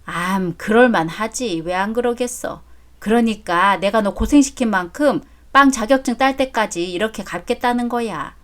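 A woman's voice: on the high side, normal speed, a bit bright, natural voice. A woman putting on a brash greedy mother-in-law. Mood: softened. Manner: blunt, scolding, coarse. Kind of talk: story drama read aloud.

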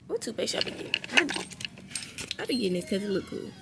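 A teenage girl rambles through a casual vlog, chatty and candid with lots of asides, her nose stuffy and congested. She's a very animated, fast talker with a medium-pitched, creaky voice. Loud music plays underneath her.

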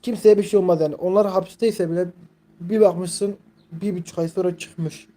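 Mellow-voiced young man chatting on a live stream. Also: high voice, fairly even intonation, moderate pace. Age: 20s. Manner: rambling, filler-heavy, reads chat aloud. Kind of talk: casual live-stream chat.

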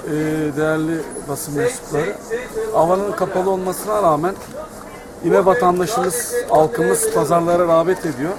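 A man gives a formal, halting statement to the press as a market tradesmen's representative. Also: high voice. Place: outdoor street market. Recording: busy market crowd behind.

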